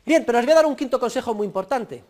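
A man's voice: very high-pitched, lively intonation, rapid-fire, darkish tone. A middle-aged man from Spain with a Peninsular Spanish accent, lecturing students and giving them advice in an emphatic, exhorting way with dry humor. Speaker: university lecturer.

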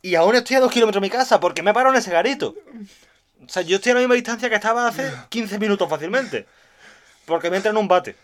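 A man from tells a rambling funny anecdote in a relaxed chat. He acts out every line of dialogue in his story and often breaks into laughter. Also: high voice, quick pace. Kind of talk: casual comic storytelling.

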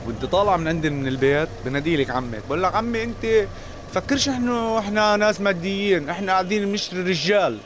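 Fast-talking Levantine henpecked cabbie played by a man. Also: sits high, close to an everyday voice. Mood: comic storytelling. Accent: Levantine Arabic. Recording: music and engine noise behind.

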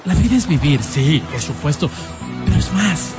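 A high-voiced male radio co-host who talks with wide, theatrical swings. He teases the caller and delivers mock-solemn advice in playful banter, with music bed behind him. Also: lively intonation, normal speed.

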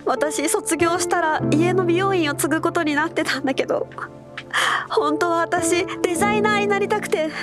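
A woman as very high-voiced teenage schoolgirl. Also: normal speed, over loud music. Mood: upset, confessing. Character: earnest, unfazed high school girl in distress. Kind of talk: Japanese comedy audio drama acting.

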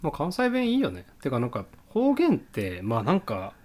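Animated Kansai man in his thirties. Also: medium pitch. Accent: Kansai Japanese. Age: 30s. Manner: animated, quick to laugh, jokey. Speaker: podcast co-host. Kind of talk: casual chat.

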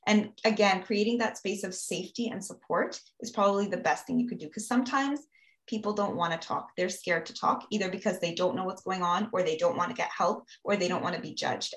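A woman's voice: medium pitch, echoey room. A woman, talking earnestly in a casual podcast conversation, giving advice and often adding "you know" and "right?". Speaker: guest speaker on mental health.

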